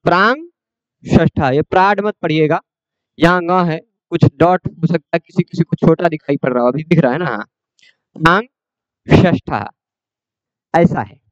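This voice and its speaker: A man's voice: on the high side, steady tone, normal speed, long pauses, no room sound. A man teaching Sanskrit grammar in a classroom lecture, explaining rules step by step and asking questions before answering them. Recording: dull lo-fi sound.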